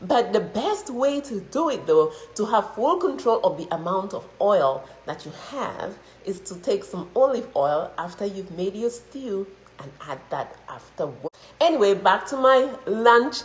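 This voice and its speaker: Chatty Cameroonian-born woman in an echoey room. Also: medium pitch. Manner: chatty, laughs often, lively emphasis. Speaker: health vlogger. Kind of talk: casual show-and-tell vlog.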